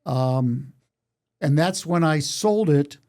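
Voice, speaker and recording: A man in his eighties, a songwriter and storyteller, is the guest in a conversational interview, telling stories from his life and quoting remembered exchanges along the way. His voice is on the high side and mellow, animated but slow in pace.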